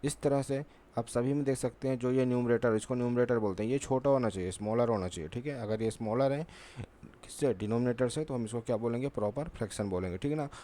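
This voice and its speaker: A man with a dark-toned, medium-pitched voice talks fast while teaching maths at a board. Patient and given to repetition, he questions himself and answers, peppering his talk with "ठीक है" and rhetorical questions.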